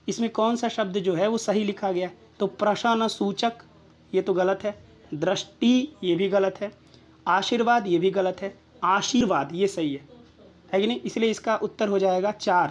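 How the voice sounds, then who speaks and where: Casting: woman teacher, methodical and patient, talks through each exam answer, mid-pitched voice. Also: a little mellow. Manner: methodical, checks in with rhetorical questions. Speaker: Sanskrit exam tutor.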